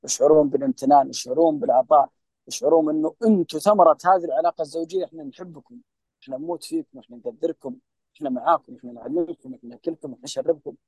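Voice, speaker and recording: A man's voice: fairly high pitch, big pitch swings, rapid-fire, vocal fry, darkish tone, slightly rough, dry recording, low-quality recording. A man with a Saudi Gulf accent, a mental health specialist speaking as a guest on a podcast interview. He gives impassioned advice in an emphatic, preachy way and often speaks straight to the listener. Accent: Saudi Gulf Arabic.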